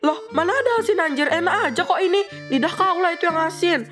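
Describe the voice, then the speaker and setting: A woman's voice: very high voice, fast, over music. A woman voicing Dion, a boastful, defensive teenage boy.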